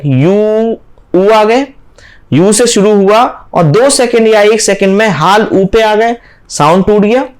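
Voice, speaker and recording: Guy teaching grammar, high pitched, keeps repeating the main points, gets students to say stuff out loud. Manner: emphatic, repeats key points, asks students to say sounds aloud. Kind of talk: exam-prep classroom lecture.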